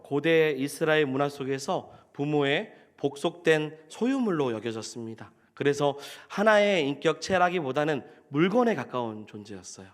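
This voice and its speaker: Korean pastor preaching, fairly high voice. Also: male voice. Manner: asks the congregation questions, acts out quoted speech. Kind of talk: sermon.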